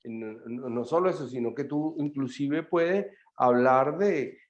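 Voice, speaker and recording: A man presenting at an online math seminar at a middle pitch, pausing often and restarting his sentences. His voice comes through a dull, lo-fi video call line. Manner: halting, many fillers and restarts. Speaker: seminar speaker. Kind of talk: academic talk and answers.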